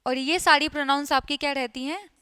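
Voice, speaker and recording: A high, bright-voiced woman teaches an exam-prep class. She repeats key points often and keeps checking in with her students. Her delivery is crisp and lively. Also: a little fast. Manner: repetitive, checks in with listeners.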